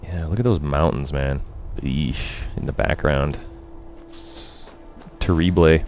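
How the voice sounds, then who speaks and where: A young man with a deep voice commentates casually on a live game stream. He talks in a halting, muttering, sardonic way. Faint game music plays behind him. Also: steady tone, a little mellow. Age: young adult.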